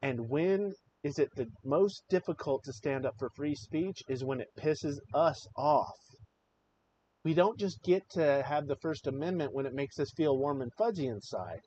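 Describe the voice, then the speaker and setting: A man's voice: fairly high pitch, animated, normal speed, a little mellow. A man hosting a live show, giving impassioned, emotional political commentary and swearing freely. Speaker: livestream show host. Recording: slightly dull audio with faint noise.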